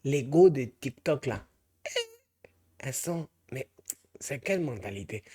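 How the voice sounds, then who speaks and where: A man voicing a boastful young Ivorian guy in a comic impression, with a put-on Ivorian accent and loud, jokey street talk. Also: medium pitch, big pitch swings, measured pace, slightly rough. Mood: joking.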